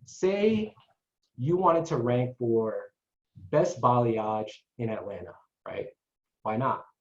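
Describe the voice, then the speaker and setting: A man's voice: mid-range voice, expressive, slow. A man giving a casual marketing webinar to salon owners, chatty and constantly checking in with the listeners. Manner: chatty, tags sentences with "right?". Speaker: marketing consultant presenter. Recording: echoey dull lo-fi online call.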